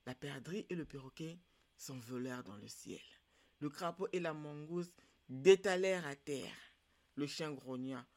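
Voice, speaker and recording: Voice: mid-range voice, measured pace. A storyteller telling a traditional folk tale. The delivery is rhythmic, with calls for the listeners to answer. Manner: rhythmic call-and-response storytelling.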